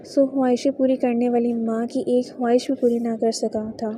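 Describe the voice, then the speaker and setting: Steady, dark-toned woman reading a novel. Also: on the high side, slight background noise, poor audio. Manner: steady, even read-aloud narration. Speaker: audiobook narrator. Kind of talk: novel read aloud.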